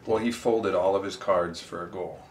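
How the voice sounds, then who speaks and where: Sitting in a small sauna, a thirtysomething man who is both show host and interviewee reflects casually and earnestly on philosophical matters. His voice is deep and his pace normal, with the room's echo and constant background noise audible.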